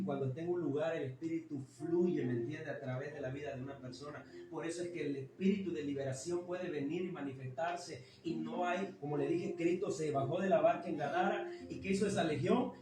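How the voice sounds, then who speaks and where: A man preaching a fiery Pentecostal sermon, emphatic and repetitive, rising to sudden high stresses. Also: background noise. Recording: echoey church hall, mic far off. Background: worship music.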